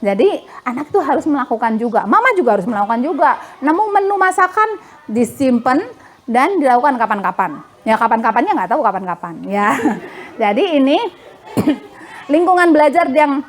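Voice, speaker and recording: High-voiced woman teaching parents. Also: sing-song, moderate pace. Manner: acts out parents and children in quoted dialogue; chatty, laughs while explaining. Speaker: parenting class speaker. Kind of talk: parenting talk to mothers.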